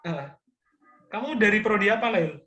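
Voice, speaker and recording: A man from Madura with a Javanese-tinged Indonesian accent gives a public speaking training over a video call, his voice sitting high. He talks in a loose, joking way, piling on fillers. The sound is echoey, as if he is in a bare room. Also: expressive, normal speed, pushed and bright. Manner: chatty, joking, keeps tagging phrases with fillers. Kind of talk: casual online training talk.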